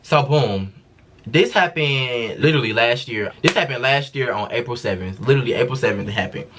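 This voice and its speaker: A man's voice: medium pitch, brisk, background noise. A young man, telling a storytime vlog in a casual, profane, slangy way. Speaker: vlogger.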